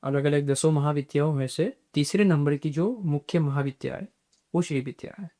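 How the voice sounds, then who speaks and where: Measured man explaining spiritual practice. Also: on the high side, warm tone. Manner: measured, mixes English terms into Hindi. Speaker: spiritual speaker, podcast guest.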